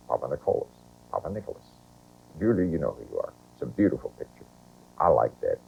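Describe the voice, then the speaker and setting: Deep husky weatherman, tinny sound. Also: slight background noise. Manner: chatty, relaxed asides. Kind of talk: folksy weather forecast. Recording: tinny, lo-fi broadcast tape.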